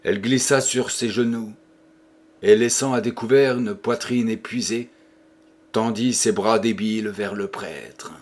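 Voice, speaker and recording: A man narrating a classic novel as an audiobook, reading in a dramatic, measured way. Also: on the low side, darkish tone. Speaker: audiobook reader. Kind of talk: scripted literary narration.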